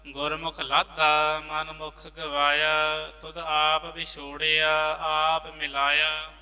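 A man teaching scripture recitation, singing the verses slowly and then quickly explaining how to pronounce them in a lower voice. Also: completely flat delivery, pushed and bright, smooth. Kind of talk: chanted scripture recitation lesson. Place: large temple hall. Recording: long reverb of a large hall.

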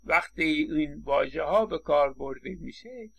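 A man's voice: on the high side, animated, creaky, a bit bright, husky. A man giving a recorded lecture, explaining with examples, acting out short quotes and often stammering on restarts. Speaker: linguistics lecturer.

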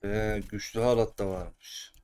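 A man giving live gameplay commentary as a streamer, excitable and cursing at the game at times, then calm and muttering. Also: fairly low pitch, a little slow, clear, resonant tone.

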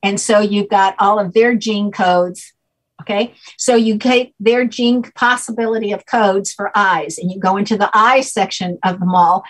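A woman's voice: medium pitch, steady tone, a little slow, low-quality recording. An older woman, a guest, explaining her subject at length in a patient, teacherly way, often checking in with "okay?", speaking over a video call from home. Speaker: guest name expert. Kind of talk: explanatory interview talk.

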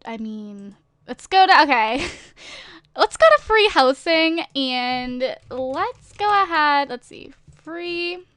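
Casting: woman, slight lisp, high bright voice, unhurried, giggly trolling gameplay banter into a desk mic. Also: expressive, dry recording. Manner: giggly, rambling, playful trolling with frequent "like" and "um". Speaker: gaming video host. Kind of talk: casual gameplay commentary. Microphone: desktop USB microphone.

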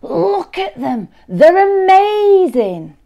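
Woman as Norman the Slug, dreamy and high-pitched. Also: big pitch swings, highs cut off, heavily acted. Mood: awed. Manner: wide-eyed, drawn-out exclamations. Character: dreamy, enthusiastic little male slug, naively admiring. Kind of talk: children's picture-book character voice.

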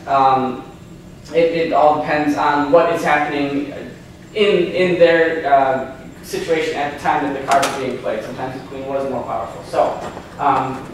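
Man in his 30s, casual seminar presenter, slightly high voice, heard from a distance in a reverberant meeting room. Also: a little hiss or hum. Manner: chatty, many ums and restarts, asks audience questions. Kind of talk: informal lecture with slides. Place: hotel meeting room, indoors. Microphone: far camera, no handheld mic. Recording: echoey room from far off.

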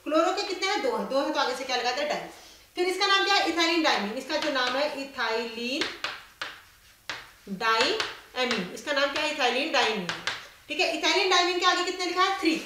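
A woman's voice: sits high, lively intonation, racing. A woman chemistry lecturer teaching a class, asking questions and answering them herself, with English terms mixed into her speech. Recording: very echoey room with faint noise.

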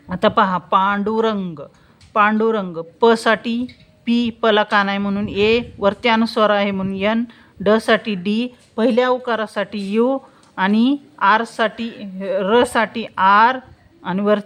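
A woman teaching spelling step by step, saying example words slowly and answering her own questions. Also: mid-range voice. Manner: slow, drawn-out pronunciation of example words, asks questions and answers them herself. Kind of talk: spelling lesson, explaining step by step.

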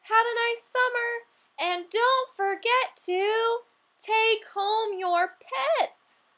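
A kind, gentle schoolteacher who loves her pupils' pets, read by a woman. She speaks high and sing-song, slow and lilting, with lively rises and falls, like a picture book read aloud. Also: slightly rough, heavily acted. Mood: cheery.

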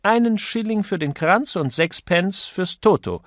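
A man's voice: lively intonation, unhurried, no room sound, clean studio sound. A man putting on a chirpy young office girl. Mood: cheerful. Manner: chirpy, bustling, high-pitched. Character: cheerful young woman office clerk.

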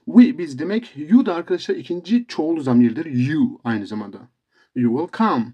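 A man giving a casual video lesson as an English teacher, animated and often addressing his viewers as friends, slowly repeating example phrases for learners. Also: fairly high pitch, lo-fi sound.

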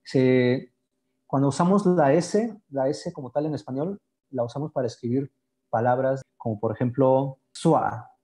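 A man with a dark, mellow, mid-pitched voice teaches a language lesson. He explains each example patiently and slowly. He often stops on small fillers before going on. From Yagavila, Oaxaca, Mexico.

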